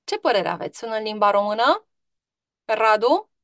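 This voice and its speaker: A woman's voice: mid-range voice, lively intonation, a bit bright, no room sound, clean studio sound. A woman teacher giving an online grammar lesson to pupils, patient and questioning, stretching out example words.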